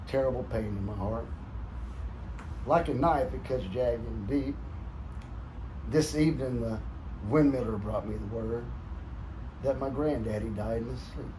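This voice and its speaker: A middle-aged cowboy poet with a cowboy drawl, talking casually and reciting verse. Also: male voice, medium pitch, dark tone. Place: boot shop, indoors. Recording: noisy shop room ambience.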